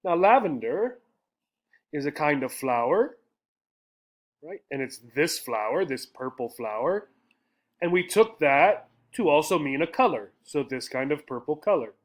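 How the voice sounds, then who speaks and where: With big swings in pitch and a slightly slow pace, a fairly high-voiced American man gives learners a vocabulary lesson. He's didactic, repeats the key words, and often tacks on a short check for understanding.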